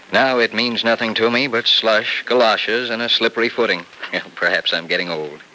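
A man's voice: on the low side, fairly even intonation, moderate pace, pushed and bright, slight background noise, rough recording. An actor playing a blunt, matter-of-fact older male doctor in a 1940s radio drama.

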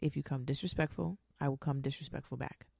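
Blunt gravelly-voiced young woman. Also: a bass voice, fairly even intonation, fast, darkish tone, dry recording, clean studio sound. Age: 20s. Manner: blunt, emphatic, swears freely. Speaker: mother talking about her show. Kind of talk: candid monologue.

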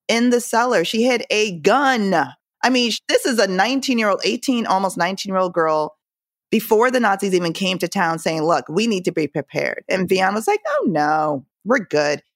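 A woman's voice: mid-range voice, no echo, clean studio sound. A woman in a casual book discussion, speaking emphatically and quoting characters in a raised voice. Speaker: book club member.

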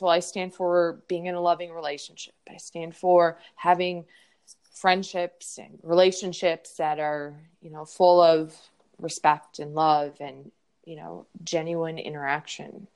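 A woman's voice: fairly low pitch, darkish tone. A woman, a yoga teacher, telling a personal story frankly and with feeling, using many fillers.

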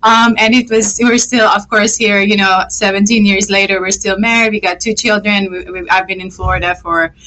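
A woman's voice: mid-range voice, fairly even intonation, moderate pace, hardly any pauses, bright, forceful tone, low-quality recording. A woman in her thirties from Lebanon, a guest accountant telling her story in a friendly way with many fillers. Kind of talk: casual interview.

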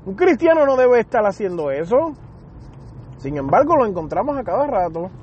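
A man's voice: high voice, very animated, moderate pace, darkish tone, dull audio, slight background noise. A man giving an informal sermon, earnest and repetitive, calling the listener "beloved". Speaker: preacher.

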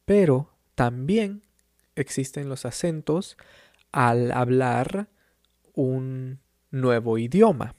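Here a Peruvian man teaches a language slowly and carefully, his mid-range voice steady, soothing and encouraging. Every so often he slips in a brief English explanation. The close, dry recording carries no echo.

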